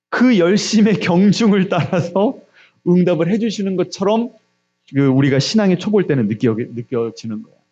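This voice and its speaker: A man preaching a sermon as pastor, asking the congregation questions and answering them himself. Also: muffled recording. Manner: acts out God's voice with quiet, low asides.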